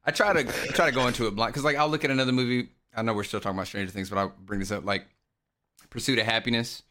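A man's voice: mid-range voice, steady tone, rapid-fire, pushed and bright, a little hiss or hum. A man co-hosting a podcast, chatting casually, swearing freely and laughing often. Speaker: podcast co-host.

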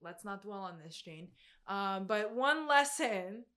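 With a medium-pitched, fairly bright voice, a woman in her mid-twenties preaches slowly and with animation. Her conversational Bible exposition to a group is informal and emphatic, with youthful slang mixed in.

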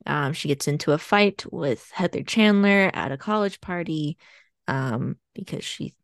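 At a measured pace, a low-pitched woman co-hosts a podcast and chats casually, summarizing a plot in a rambling way with fillers and laughs. The studio-quality audio has no room sound.

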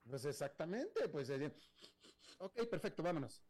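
A man's voice: on the high side, very animated, measured pace, a little mellow. Skeptical dry-witted male co-host. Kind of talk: talk-show banter.

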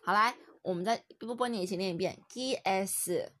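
A woman's voice: medium pitch, normal speed, a bit bright, no echo, clean studio sound. A young woman with a Taiwanese Mandarin accent, a mother patiently teaching her toddler French words at home, playful and encouraging. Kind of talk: home-recorded French lesson with a child.

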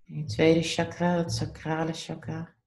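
A woman leading a guided meditation in a calm, soothing, gently instructive way. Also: low voice, measured pace, echoey room.

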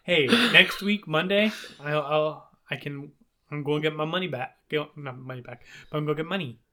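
A man's voice: on the high side, fairly even intonation, brisk. A man co-hosting a podcast in casual chat, rambling with many fillers and a slight toothless lisp. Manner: rambling, filler-heavy, upbeat. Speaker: podcast co-host.

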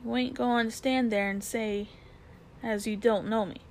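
A woman's voice: fairly high pitch, steady tone, a little slow, a little mellow, a little hiss or hum. A woman voicing a plain-spoken London cabman with a Cockney accent, dropping his h's. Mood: earnest. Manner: h-dropping, earthy and blunt.

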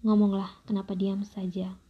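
A woman voicing a rebellious, hot-tempered school troublemaker with blunt retorts, in a breathy voice. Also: medium pitch, level tone, normal speed, close to an everyday voice. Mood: demanding. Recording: dull lo-fi recording.

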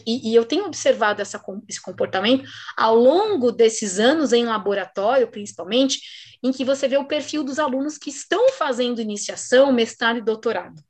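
High-voiced Brazilian woman professor. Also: a little fast. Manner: animated, acts out quoted voices. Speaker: research supervisor and professor. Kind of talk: casual podcast talk.

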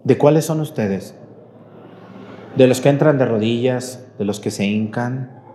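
Folksy priest preaching. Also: male voice, medium pitch, a little slow, mellow, a little hiss or hum. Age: 40s. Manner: questioning the congregation directly, folksy. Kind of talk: sermon at Mass.

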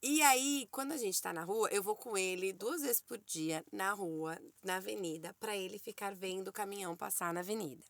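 A woman co-hosting a podcast, telling a story in a casual, animated way and sometimes acting out a child's excited voice. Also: moderate pace, hardly any pauses, no room sound. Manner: animated storytelling, acts out her toddler's high excited voice. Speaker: podcast co-host. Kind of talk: casual chat.

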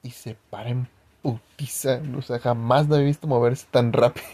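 A man's voice: mid-range voice, fairly even intonation, normal speed, warm tone. A young man with a Mexican accent telling a personal anecdote in a casual, rambling way, full of slang and swearing. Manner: slangy, profane, rambling storytelling. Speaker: storyteller.

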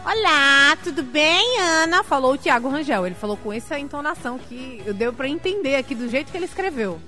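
A woman hosts a live-streamed interview in a high, bright voice, chatty and lively as she reads out viewer messages. Faint music runs quietly underneath. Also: fast talker. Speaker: interview host.

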